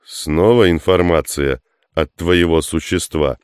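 A man's voice: low voice, takes it slowly, smooth, no echo, clean studio sound. A man reading the part of an impatient, grumbling armed man in an audiobook.

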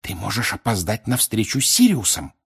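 A man reading an audiobook and voicing a clever, anxious teenage schoolgirl who talks quickly and worriedly. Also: on the low side, sing-song, slightly rough, full character voice. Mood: eager.

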